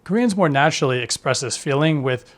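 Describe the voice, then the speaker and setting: A man narrates a scripted language lesson in an even, instructive way. His voice sits a touch above the usual male pitch, and each point is delivered steadily, like a prepared explainer. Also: fast talker. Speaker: language teacher.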